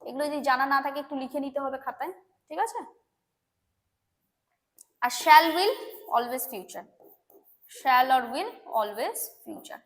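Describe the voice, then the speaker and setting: A woman's voice: high voice, animated, slow pace, long pauses. A woman with a Bengali accent teaching English grammar for an exam, explaining patiently, repeating points and often checking that students understand. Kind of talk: exam-prep grammar lesson.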